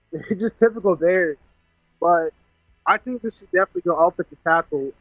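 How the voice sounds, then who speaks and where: A man calling in to chat casually about football, his voice muffled as if heard through a wall, talking haltingly with many fillers. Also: high-pitched, dry recording, soft background music. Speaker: caller. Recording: dull muffled phone call.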